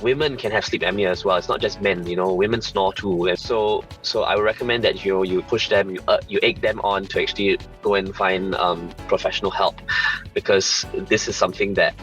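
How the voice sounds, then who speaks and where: A man's voice: deep voice, fairly bright tone. A man speaking as a podcast guest, giving casual advice from experience in a hesitant way, often rephrasing. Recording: slightly dull lo-fi audio.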